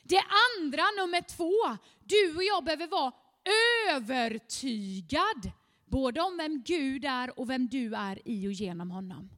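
A woman preaching a fervent sermon, at times rising almost to shouting. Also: high voice, expressive, in a large hall.

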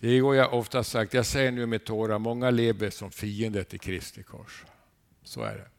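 A man preaches a sermon with animated storytelling, his volume suddenly surging, and he asks listeners rhetorical questions, tagging lines with a questioning "eh?" His voice is lowish and creaky.

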